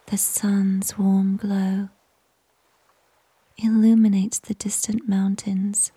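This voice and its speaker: A woman narrating a guided nature relaxation story in a soft, breathy whisper, unhurried and soothing, with long pauses between short phrases. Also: medium pitch, flat delivery, no echo.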